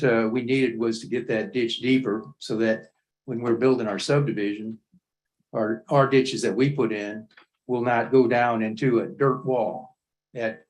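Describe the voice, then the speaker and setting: A man making a public comment at a county meeting, halting and repeating words as he builds his point. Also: medium pitch, darkish tone, rough recording.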